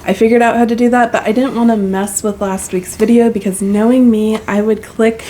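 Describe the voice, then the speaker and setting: A woman's voice: on the high side, fairly even intonation, a little fast, warm tone. A woman co-hosting a casual chat about her stitching channel, chatty and giggly with many ums, recorded on a mic plugged into a phone. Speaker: co-host of a cross-stitch channel. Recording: faint background noise, phone mic.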